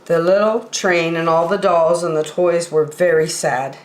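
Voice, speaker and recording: Reading aloud as a storyteller for young children, a woman uses expressive, emphatic, encouraging phrasing. Her voice is fairly low and steady, her pace measured, and the room has an echo.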